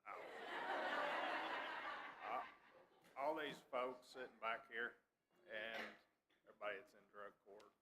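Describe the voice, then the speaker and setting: A man, a district attorney speaking in a folksy, halting way at a ceremony. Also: on the low side. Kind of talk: brief remarks at a ceremony. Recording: loud background noise at a live event.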